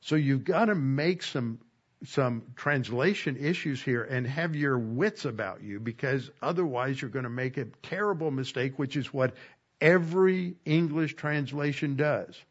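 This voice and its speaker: A man's voice: medium pitch, husky. Emphatic male Bible teacher, dull recording. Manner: emphatic, slows down to stress key words. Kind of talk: expository Bible lesson.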